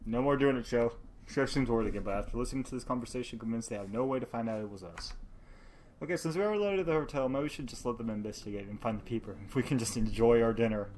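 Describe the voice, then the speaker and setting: A man reads a dating-style game aloud, his voice sitting at an ordinary middle pitch. He breaks off to laugh and crack jokes, tripping over words as he goes. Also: fast talker, darkish tone. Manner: laughs often, jokes, stumbles over words while reading. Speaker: let's play host. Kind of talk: reading a visual novel aloud with commentary.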